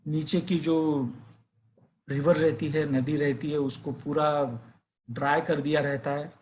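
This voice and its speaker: Slow, dramatic male teacher. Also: a little high, little pitch movement, a little mellow, a little hiss or hum. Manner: dramatic, suspenseful narration then earnest urging. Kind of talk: storytelling and motivational advice to students.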